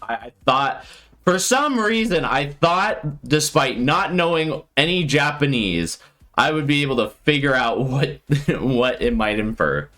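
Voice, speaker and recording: A man streaming live and thinking out loud with casual commentary, laughing often. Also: mid-range voice, lively intonation, measured pace. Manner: thinking aloud, frequent laughter.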